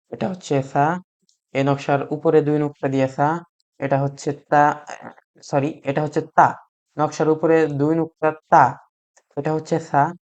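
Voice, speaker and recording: Teaching beginners to read Arabic letters, this man says each sound slowly and repeatedly so learners can imitate it, filling gaps with hesitant ums. He's a Quran reading teacher whose voice is on the high side with a darkish tone.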